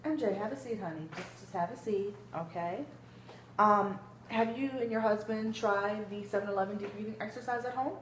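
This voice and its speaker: A student clinician takes on the part of a gentle female therapist guiding a family session in an amateur role-play. Her medium-pitched, natural voice moves at a normal pace, calm and concerned, while she explains hesitantly and hedges with frequent "kinda" and "you know." The room is echoey, with background noise.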